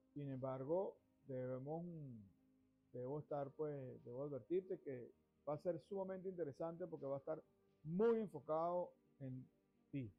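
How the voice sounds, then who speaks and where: A middle-aged man from Venezuela hosting a finance show, talking at length in a discursive way that restarts phrases. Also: a little high. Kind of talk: monologue to camera. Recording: dull lo-fi sound with faint music.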